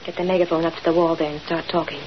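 A woman acting out a female accomplice who rushes her words at great speed in an old radio drama. The sound is dull, with faint hiss. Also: low-pitched, little pitch movement, lightly acted. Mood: hurried. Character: hurried female seance accomplice.

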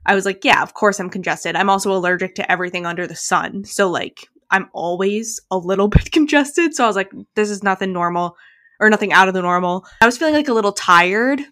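A young woman with a mid-range voice talks fast as she tells a lively story on a podcast she co-hosts. It's a casual chat, and "like" and "literally" come up constantly.

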